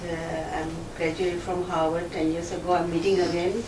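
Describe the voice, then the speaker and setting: A woman from Pennsylvania introducing herself in halting, slightly broken phrasing. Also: lowish voice, flat delivery. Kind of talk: casual self-introduction. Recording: roomy, distant mic, background noise.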